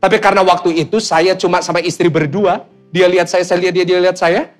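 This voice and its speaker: Young pastor preaching loud to his congregation. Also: high voice, level tone, fast, faint music behind. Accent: Indonesian. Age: young adult. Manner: emphatic, calls on the congregation to answer. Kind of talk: sermon.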